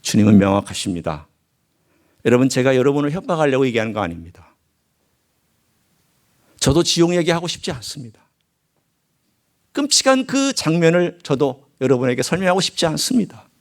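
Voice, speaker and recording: A male pastor preaching a sermon in church, swinging from loud emphasis to hushed asides and acting out quoted voices and dialect. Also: mid-range voice, big pitch swings, brisk, pauses often. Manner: acts out quoted speech and regional dialect phrases. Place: church sanctuary.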